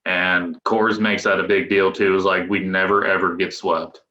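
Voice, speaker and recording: A man in his twenties, a professional pitcher, chatting loosely as a podcast guest with restarts and chuckles. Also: level tone, moderate pace, bright, forceful tone. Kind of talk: casual podcast interview. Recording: echoey room, dull lo-fi sound.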